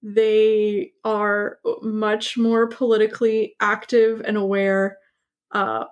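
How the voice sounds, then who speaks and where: In a muffled recording, a woman in her thirties speaks slowly at a medium pitch with little pitch movement. An actor born in Hungary and partly raised in New York and Montreal, she is a guest in a casual interview chat, laughing often and using many fillers.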